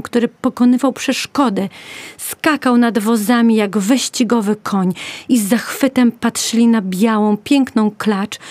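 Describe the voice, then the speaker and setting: A woman narrating a children's story in a gentle, measured way. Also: a little high, no echo.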